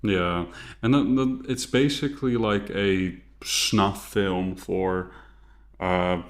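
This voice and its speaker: A man's voice: low voice, steady tone, takes it slowly. A man co-hosting a casual film discussion, explaining in a conversational, qualifying way. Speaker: podcast co-host.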